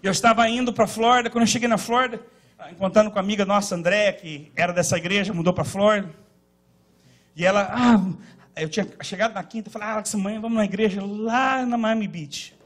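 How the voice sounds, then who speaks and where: Man, Northeastern Brazilian accent, very high voice, bright and forceful, preaching a sermon. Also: steady tone, a little fast. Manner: loud preaching, often shouting, then dropping to quiet storytelling. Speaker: pastor. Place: church service.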